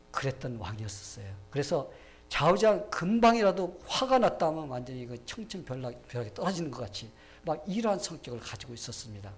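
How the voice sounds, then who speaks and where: A man's voice: mid-range voice, vocal fry. A male pastor preaching a sermon, telling stories and asking the congregation rhetorical questions.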